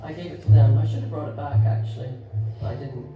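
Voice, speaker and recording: A middle-aged woman singer-songwriter chatting on stage, hesitant, with fillers and soft laughs. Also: low voice, steady tone, quick pace, loud music behind the voice. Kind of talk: casual stage banter. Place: live concert hall. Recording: distant, dull, echoey live hall sound.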